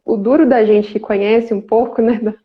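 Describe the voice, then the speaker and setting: A Brazilian woman hosts a live video chat, her slightly high voice coming through thin and tinny like a phone line. She talks casually, dotting her sentences with tag questions. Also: steady tone, normal speed. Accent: Brazilian Portuguese. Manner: conversational, with frequent tag questions. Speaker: host. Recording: tinny phone-like call audio.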